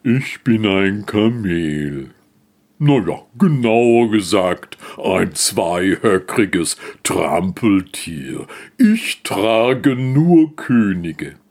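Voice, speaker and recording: A man voicing a dignified male camel who carries kings, speaking slowly and stately, in a storybook. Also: fairly low pitch, sing-song, a little mellow, full character voice.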